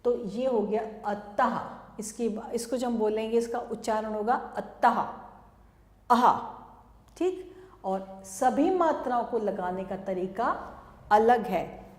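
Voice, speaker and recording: A woman teacher speaks at a very slow, patient pace in a somewhat high voice, stretching out each sound for young pupils. She calls the example words out louder than the rest. The lesson is recorded in an echoey room with a long reverb tail. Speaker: primary school Hindi teacher.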